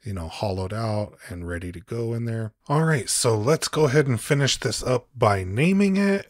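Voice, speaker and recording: A man giving a calm step-by-step software tutorial as host, with frequent ums. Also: medium pitch, no echo, clean studio sound. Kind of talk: screen-recorded software tutorial.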